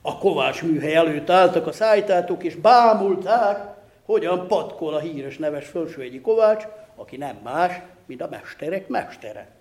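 A man telling an old folk tale in a lively, folksy way with rustic, old-fashioned words. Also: a little high, roomy sound. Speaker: storyteller.

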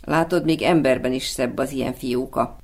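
A man reading the lines of a tender, worried little female swallow, the wife, in a storybook, softly and gently. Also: medium pitch, steady tone, close to an everyday voice.

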